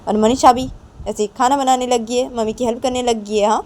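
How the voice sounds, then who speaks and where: Brief: a woman playing a hot-headed young woman, shrill, loud and near tears, in a spoken love story. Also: lively intonation, a little fast, gravelly, breathy edge, heavily acted. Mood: furious. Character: young woman Nisha, hot-tempered and furious.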